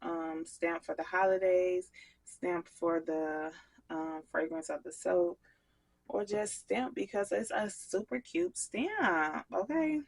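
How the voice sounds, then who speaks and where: A woman vlogger chats with her viewers while working with soap, unhurried and easygoing. Her voice sits a little low, with a husky grain and a gravelly edge. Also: low-quality recording. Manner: chatty, talks straight to viewers. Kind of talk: casual chat while crafting.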